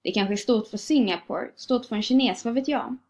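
Woman calmly reading a short story. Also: a little high. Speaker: reader. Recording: dull lo-fi recording.

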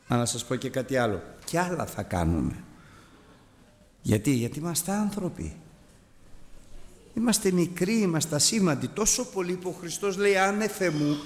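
Male preacher, animated sermon delivery with big pitch swings, recorded in a reverberant church hall. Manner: animated, rising to high exclamations and dropping low for storytelling.

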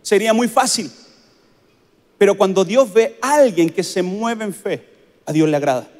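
Male pastor, very high voice, emphatic sermon, church-hall reverb. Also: normal speed, a little mellow. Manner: emphatic preaching, repeats phrases for stress.

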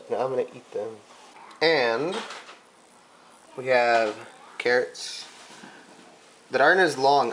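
A man's voice: mid-range voice, a bit bright, a little hiss or hum, poor audio. A man in his thirties vlogging casually with playful, joking banter, filmed on a handheld camera. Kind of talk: casual chat. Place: costume store and car. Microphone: handheld camera at arm's length.

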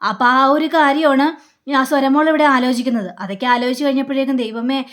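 A woman's voice: high-pitched, steady tone, brisk, fairly bright tone. A woman giving a casual spoken recap of a TV serial episode, telling the story in a chatty way and voicing the characters' lines herself.

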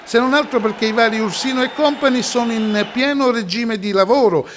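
A man's voice: very high voice, a little fast, fairly bright tone, a little hiss or hum. A man narrating scripted sports news as a reporter.

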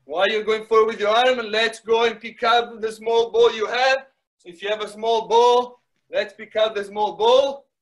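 A man's voice: high voice, fairly even intonation, normal speed, rough recording. A middle-aged man coaching a live workout, giving short repeated commands with words of encouragement. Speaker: soccer fitness coach. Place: small wood-panelled indoor room. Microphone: device mic a few metres away.

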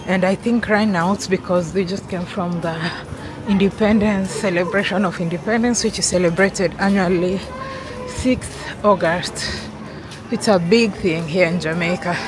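Woman, Kenyan accent, casual travel vlog chat, upbeat, mid-pitched voice, loud ambient noise. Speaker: travel vlogger. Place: in a moving car and busy airport halls. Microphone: handheld camera at arm's length.

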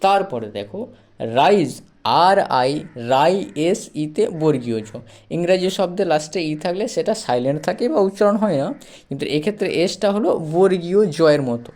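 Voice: medium pitch, animated, normal speed, a little mellow. A teacher giving a spoken pronunciation lesson, spelling out each word letter by letter and patiently repeating every point. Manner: spells out words letter by letter, then repeats them. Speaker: English teacher.

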